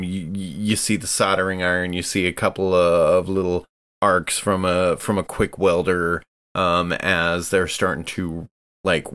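This deep-voiced man, a bit bright in tone, makes up his character's actions on the spot during a tabletop game. He talks casually and haltingly, groping for the right words.

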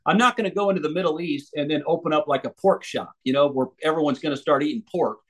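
A man's voice: fairly high pitch, quick pace. American man, earnest interview answers. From United States. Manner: thoughtful, with many restarts and fillers. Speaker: evangelist and author.

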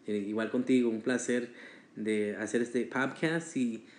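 Casual male podcast guest, rambling with fillers, medium pitch, roomy echo. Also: steady tone, unhurried. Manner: chatty, hesitant with fillers and restarts.

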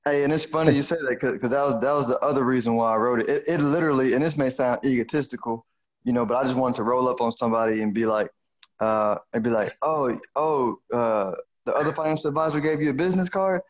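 Talking fast in a medium-pitched voice, the podcast host and financial advisor from Houston, Texas keeps the conversation casual and loose. "You know" peppers his speech, and the audio is poor quality.

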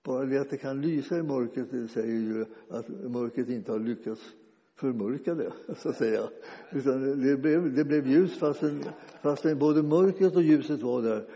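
A man preaching an informal sermon, speaking conversationally and haltingly with frequent restarts and fillers. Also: mid-range voice, dark tone. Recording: dull lo-fi sound with long reverb.

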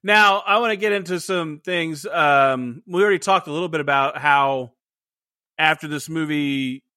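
A man's voice: a little high, moderate pace, bright, forceful tone, dry recording, studio quality. A man co-hosting a movie podcast, chatting casually and laughing often between rambling restarts. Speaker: podcast co-host. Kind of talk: casual movie review chat.

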